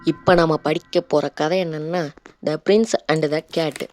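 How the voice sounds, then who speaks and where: A man's voice: fairly high pitch, fairly even intonation, takes it slowly, darkish tone, soft background music. A Tamil-accented man narrating his gameplay in a loose, chatty way. He keeps up a running commentary and playfully scolds the character on screen. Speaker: gaming YouTuber. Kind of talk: casual let's-play commentary.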